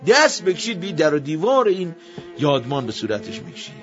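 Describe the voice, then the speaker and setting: A man's voice: fairly high pitch, big pitch swings, faint music behind. Impassioned male sermon speaker. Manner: impassioned, swings between hushed and loud. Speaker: religious speaker. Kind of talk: emotional memorial sermon. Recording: dull lo-fi recording.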